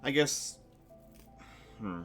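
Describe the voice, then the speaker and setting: Talking very slowly over faint background music, a young streamer muses casually, rambling and reflecting with plenty of fillers and false starts. His masculine voice has a fairly bright tone.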